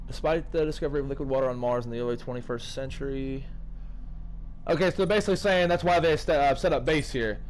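A foul-mouthed, excitable man giving casual gameplay commentary as he plays. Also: mid-range voice, background noise. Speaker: gaming video creator. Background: game music.

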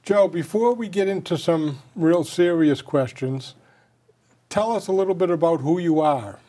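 An older man co-hosting a local TV interview show asks questions in a folksy, conversational style while seated at a table on a dark studio set. His voice is a little high, mellow, and measured in pace.

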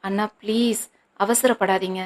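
A woman reading a novel aloud, voicing a hurt young woman who pleads softly with her brother. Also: mid-range voice, fairly even intonation, measured pace, natural voice. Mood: pleading. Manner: pleading, soft, resentful.

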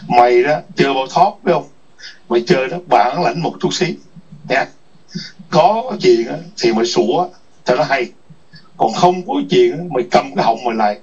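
A man's voice: mid-range voice, lively intonation, moderate pace, pauses often, a little mellow, breathy edge. A man ranting in an online chat room, scolding and cursing with repeated taunting questions. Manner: foul-mouthed, scolding, repetitive taunts. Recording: distant muffled lo-fi mic.

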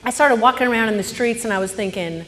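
Animated woman storyteller in a reverberant hall. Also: a little high, fast, slight background noise. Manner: animated, swinging from hushed to loud indignation. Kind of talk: live stage storytelling.

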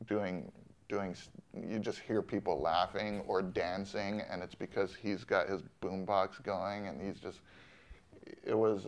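A man in his forties, a film director, speaking thoughtfully in an interview with many pauses and restarts. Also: sits low, creaky. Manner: soft-spoken, thoughtful, with many ums and restarts. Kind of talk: interview conversation. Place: studio in Los Angeles.

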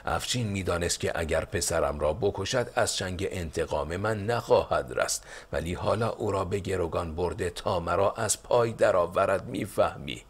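A man's voice: sits low, husky. A man playing a stern, decisive rebel leader and father in an audiobook.

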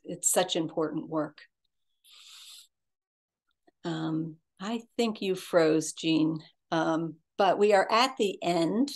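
A woman hosting an interview show over a video call, speaking in a measured, appreciative way. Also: on the low side, gravelly. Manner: measured and appreciative, many fillers. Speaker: host.

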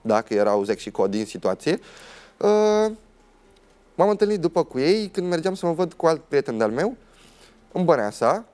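A young man sits as a guest on a television talk show and recounts a personal story. He tells it dramatically, with a fairly high voice, and puts on the voices of the other people in it. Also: sing-song, long pauses, a little mellow.

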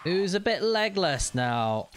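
A man's voice: sits high, sing-song, slow, background noise. A man hosting a gaming channel, chatting upbeat and thinking aloud as he plays a co-op game. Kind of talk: co-op gameplay commentary. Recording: game sound and gunfire behind the voice.

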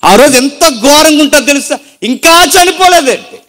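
A man's voice: extremely high pitch, lively intonation, moderate pace, fairly bright tone. A man preaching a sermon with emphasis, acting out the people he quotes.

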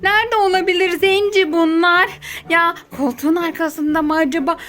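A woman's voice: extremely high pitch, fairly even intonation, normal speed, fairly bright tone. A woman playing a mother in toy role-play for children, with exaggerated, playful gasps of fear. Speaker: mother playing with her daughter on a kids' channel.

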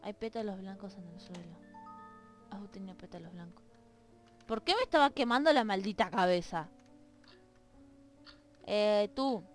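At home with her dogs close by, a woman plays a game over soft background music, reading its lines in silly voices and bantering with the characters. Her mid-range voice moves at a moderate pace in this let's-play commentary.

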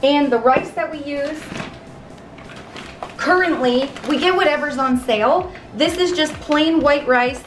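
A woman's voice: high voice, a little slow, over music. A woman in her thirties, from Canada, chatting step by step through a meal prep in her home kitchen. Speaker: vlogger. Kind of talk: casual cooking vlog.

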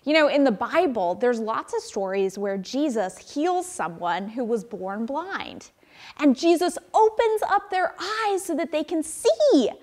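Her high, bright voice moving at a measured pace, a young woman pastor speaks to children in a friendly, animated children's sermon, asking simple questions and offering encouragement. A camera across a church sanctuary picks her up from afar.

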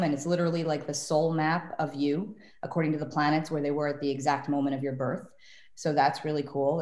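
Low-voiced chatty woman, roomy sound. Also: darkish tone. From New York, USA. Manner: chatty, rambling storyteller, many "like"s. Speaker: guest, tarot reader and medium. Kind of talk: casual podcast conversation. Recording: roomy echo.

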